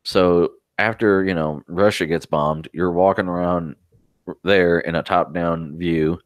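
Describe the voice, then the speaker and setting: A man's voice: deep voice, steady tone, unhurried, no echo, clean studio sound. A man co-hosting a tech podcast, chatting casually, rambling through stories and swearing now and then. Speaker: podcast co-host.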